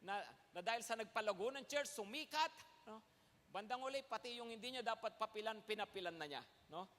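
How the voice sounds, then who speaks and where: A man's voice: high voice, expressive, a little fast, a bit bright. A man preaching a sermon as pastor, emphatic, calling out "Amen?" to the congregation and switching between Tagalog and English. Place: large church hall. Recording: long hall reverb.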